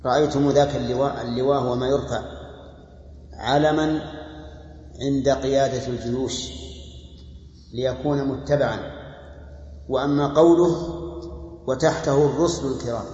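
A man's voice: mid-range voice, steady tone, normal speed, pauses often, warm tone, reverberant, in a large hall, muffled recording. A man teaching a lesson on classical poetry, explaining words and quoting sources as he goes. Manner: explanatory, quotes verses and sources, clears throat. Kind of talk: lesson commentary on classical verse.

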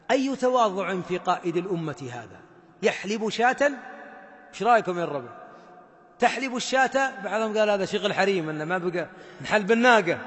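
A man's voice: very high-pitched, a bit bright. A man with a Gulf Arabic accent preaching a sermon with impassioned rhetorical questions to his audience. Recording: long hall reverb.

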